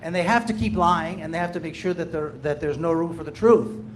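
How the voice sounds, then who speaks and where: A man's voice: fairly high pitch, brisk, slight background noise. A man from Jerusalem, speaking up from the audience in an earnest, emphatic way, often repeating his phrases. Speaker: audience member, activist. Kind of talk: impassioned public comment.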